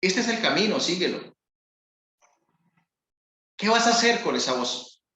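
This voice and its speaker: Slow, bright-voiced preaching man. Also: high voice, big pitch swings, reverberant. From Colombia. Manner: slow, solemn, with long pauses. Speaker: pastor. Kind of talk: sermon.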